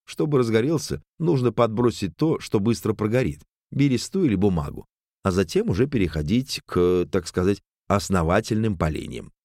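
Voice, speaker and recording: A man's voice: on the low side, big pitch swings, normal speed, darkish tone, dry recording, studio quality, voice pushed up. Man doing a thoughtful, patient village man.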